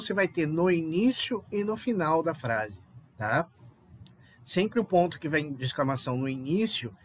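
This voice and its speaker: A man's voice: a little high, a bit bright, a little hiss or hum. A Brazilian man with a Brazilian Portuguese accent, a native Portuguese speaker, teaching a recorded online Spanish lesson and checking understanding with frequent little tag questions. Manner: explains patiently, often checks with "tá?" and "né?".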